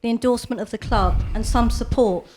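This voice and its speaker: A woman's voice: fairly high pitch, brisk, darkish tone, a little hiss or hum. A woman, a supporter who organises events, making an earnest, pleading case at a fans forum.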